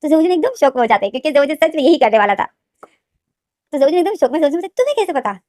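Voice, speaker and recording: Woman, story retelling, rapid and repetitive, somewhat high voice. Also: lively intonation, a little mellow, no room sound, studio quality. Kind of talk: casual fan-fiction retelling.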